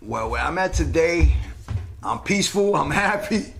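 A man's voice: on the high side, measured pace, creaky, soft background music. A middle-aged man with a New York accent telling stories in a casual, streetwise interview, acting out voices as he goes. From the Bronx, New York. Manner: streetwise, animated storyteller, acts out voices. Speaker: interviewee, graffiti writer.

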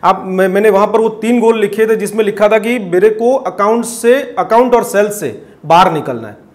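A man's voice: high voice, moderate pace. A man giving an earnest testimonial about a seminar, often repeating himself and restarting his sentences. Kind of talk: casual testimonial.

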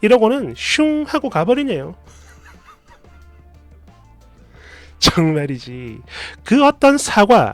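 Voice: mid-range voice, dry recording. A narrator casually telling a reader's story with chatty asides of their own. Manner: lively, chatty, adds asides and comments.

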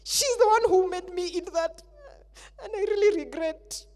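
A woman's voice: extremely high pitch, moderate pace, darkish tone, big-room sound, pitched above the performer's own voice. A woman voicing a frightened first man who stammers and then whines, blaming the woman beside him. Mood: pleading excuses. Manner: stutters in fear, then whines and blames.

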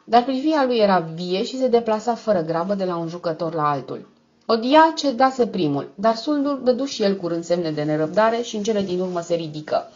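A woman narrating a novel as an audiobook in a steady, measured read. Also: medium pitch, lo-fi sound. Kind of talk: scripted narration.

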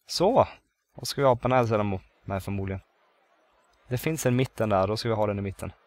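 A man's voice: on the low side, no room sound. A man chatting casually through his gameplay, thinking aloud and counting under his breath as he builds. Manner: bursts into loud excited exclamations. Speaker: let's play gamer.

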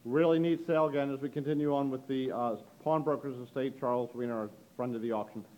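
A middle-aged man, an auctioneer, walking through an indoor antique gallery with a handheld camera and chatting upbeat about the items, often saying "ladies and gentlemen". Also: mid-range voice, steady tone, fast talker, muffled recording. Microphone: handheld camera mic, speaker behind the camera.

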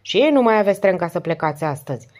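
A woman voicing a sick, complaining innkeeper woman with a hoarse, whining voice in an audiobook. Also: on the low side, animated, darkish tone, close to an everyday voice. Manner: querulous, self-pitying. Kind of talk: audiobook character voice.

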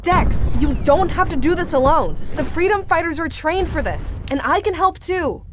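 Woman as an earnest, high-voiced young sidekick. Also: animated, moderate pace, noisy background. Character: helpful young hero sidekick, earnest, supportive. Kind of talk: children's audio drama acting.

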